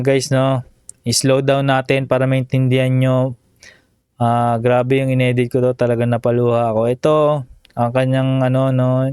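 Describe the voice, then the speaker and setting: Smooth, flat-voiced man chatting over a video. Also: mid-range voice, dry recording, clean studio sound. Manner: chatty, emotional, keeps tagging phrases with a questioning "no?". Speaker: vlogger. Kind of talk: casual reaction commentary.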